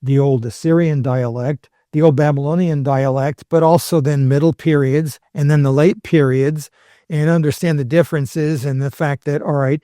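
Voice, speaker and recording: Guy, a bit high-voiced, historian on a podcast, explains stuff casually w/ dry jokes, very dry sound. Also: steady tone, moderate pace, warm tone, dry recording. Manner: explanatory, with wry humorous asides. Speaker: historian guest. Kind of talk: conversational podcast lecture.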